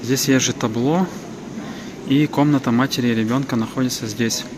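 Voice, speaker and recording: A man's voice: mid-range voice, fairly even intonation, moderate pace. A man giving a casual trip-report narration as a travel vlogger walking through an airport terminal. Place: large indoor airport terminal. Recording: noisy airport terminal ambience.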